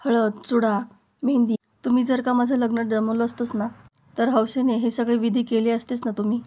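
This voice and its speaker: A woman's voice: a little high, level tone, moderate pace, warm tone, close to an everyday voice. A woman reading the lines of a young bride-to-be, firm, composed and pleading. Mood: determined. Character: calm, determined young bride-to-be.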